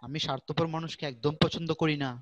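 A man's voice: a little high, steady tone, fast, fairly bright tone, no room sound, muffled recording. A young male teacher, giving an online grammar class and quizzing students with repeated questions. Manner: drills students with repeated call-and-response questions.

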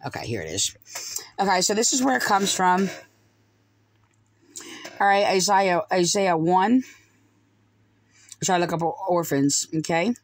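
A woman's voice: on the low side, big pitch swings, measured pace, long pauses, poor audio. A middle-aged woman talking casually into a phone held close in a dim room, commenting on scripture with many fillers, restarts and hesitations. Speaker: video commentator. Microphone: phone held close to face.

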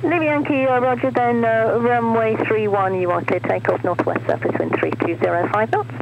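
A woman's voice: fairly high pitch, fairly even intonation, brisk, vocal fry, muffled recording. A woman working as an air traffic controller, giving formal radio instructions heard over a pilot headset.

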